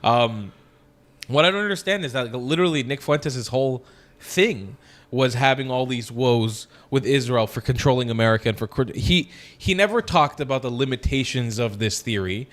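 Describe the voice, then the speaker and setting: A man speaks at a middle pitch with a slight lisp caused by braces, a little wet on the consonants. He talks bluntly and swears freely, as in a casual political discussion. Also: expressive, moderate pace, a bit bright. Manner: blunt, profane.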